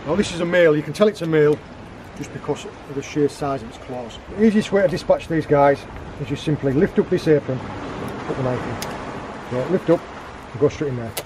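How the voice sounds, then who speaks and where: On a rocky beach, a man in his thirties with a fairly high voice talks a little fast over noisy surroundings. He's a guest forager demonstrating cooking, walking through each step of preparing seafood with his hands in a relaxed outdoor tutorial.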